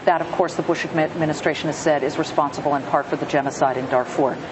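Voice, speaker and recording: A woman interviewing a guest with brisk, pointed follow-up questions. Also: deep voice, steady tone, background noise. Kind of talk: news interview.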